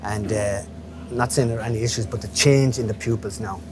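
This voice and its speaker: A Galway window cleaner in his fifties talks fairly quickly in a lowish voice with fairly even intonation. Interviewed on a noisy street with traffic passing, he reminisces in a relaxed, colloquial manner, often asking "you know?"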